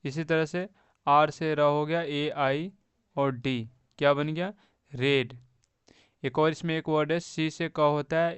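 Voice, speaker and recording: Guy teaching english phonics, super slow, spells everything out, crisp voice, dry close sound. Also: a little high, no echo. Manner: slow, spells words letter by letter and repeats "thik hai". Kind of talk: phonics lesson for beginners.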